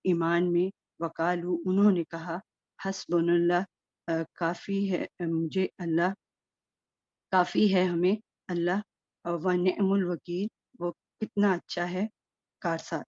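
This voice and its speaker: A woman student reciting a verse and translating it word by word, halting often with fillers. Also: on the low side, flat delivery, a little mellow, no echo, dull audio.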